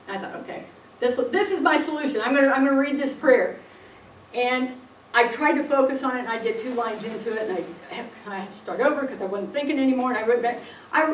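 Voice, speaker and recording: A middle-aged woman, a religion teacher, giving a personal faith testimony in an animated storytelling manner with fillers and restarts. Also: on the high side, recorded from a distance, slight background noise. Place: church hall or parish room. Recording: echoey room, recorded from afar.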